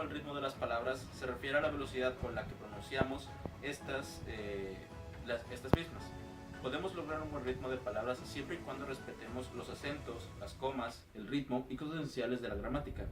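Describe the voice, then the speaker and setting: A man's voice: mid-range voice, a little fast, distant mic. A man presenting a class topic, explaining step by step with fillers and restarts. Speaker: student presenter. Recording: echoey room, mic from afar, music behind.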